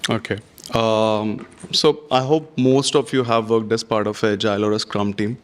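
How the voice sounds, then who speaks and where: A man's voice: on the low side, fairly even intonation, normal speed. Earnest man giving career advice. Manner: earnest, advice-giving, frequent "you know" and "having said that". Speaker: conference panelist. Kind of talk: panel discussion answers. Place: conference stage.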